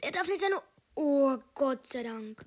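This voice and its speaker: A woman giving live gameplay commentary, excitable and loud in bursts, slipping in English gamer slang and dropping to quiet asides. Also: sits high, measured pace. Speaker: gaming video host.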